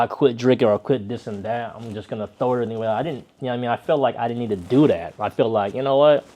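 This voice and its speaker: A man's voice: mid-range voice, a little mellow. A man chatting casually to his viewers in a loose, rambling way, often checking in with "right?". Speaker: vlogger. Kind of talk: casual chat to camera.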